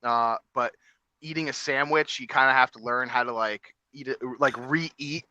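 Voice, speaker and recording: A man's voice: medium pitch, moderate pace, pushed and bright, a little hiss or hum. A man co-hosting a podcast, chatting casually and telling rambling stories full of fillers and restarts. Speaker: podcast co-host. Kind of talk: casual chat.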